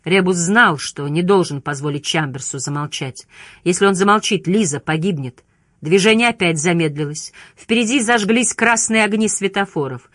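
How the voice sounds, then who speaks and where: A woman narrates an audiobook in a steady storytelling manner. Her voice sits on the low side, recorded dry and close with no room sound. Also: normal speed, no echo.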